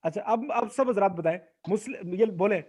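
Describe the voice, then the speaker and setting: A man with a high voice teaches Arabic grammar over a video call. He explains a point, then puts a question to the class. He keeps asking his students to answer aloud. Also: darkish tone. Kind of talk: online Quran Arabic grammar lesson.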